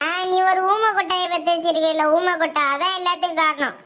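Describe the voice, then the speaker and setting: A woman's voice: extremely high pitch, steady tone, fast talker, pushed and bright, a little hiss or hum. A woman voicing quarrelling village women in a cartoon, scolding. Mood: furious. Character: quarrelling village women, a furious mother among them. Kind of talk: cartoon voice acting.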